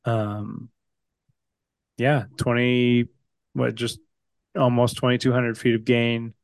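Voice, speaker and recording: A man's voice: medium pitch, little pitch movement, slow, creaky, dry recording. A man chatting and bantering casually as a podcast co-host.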